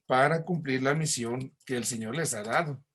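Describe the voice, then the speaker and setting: A man's voice: mid-range voice, normal speed, a bit bright, slightly rough. A man with a Mexican accent teaching a recorded church class, explaining patiently with homely examples and frequent tag questions.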